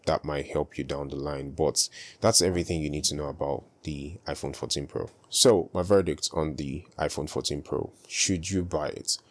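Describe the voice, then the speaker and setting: Speaking softly and without any rush, a young video creator with a very deep voice talks through a casual tutorial vlog in a calm manner.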